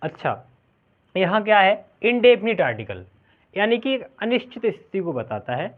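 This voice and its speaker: A man teaching a grammar lesson, explaining slowly, drawing out the example words and often checking whether the class follows. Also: high-pitched, big pitch swings. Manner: explains slowly, keeps asking "clear?". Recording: tinny phone-like sound.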